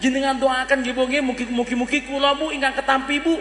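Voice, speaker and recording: A preacher voicing a humble devoted son. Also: male voice, very high-pitched, little pitch movement, quick pace. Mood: pleading. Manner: polite pleading, soft-spoken. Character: poor devoted young son, humble and polite. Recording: echoey hall.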